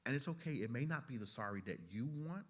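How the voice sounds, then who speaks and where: A man's voice: mid-range voice, lively intonation, fast. A man lecturing a class of trainees in a conversational way, often saying "you know" and asking the room questions. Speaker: instructor teaching therapists.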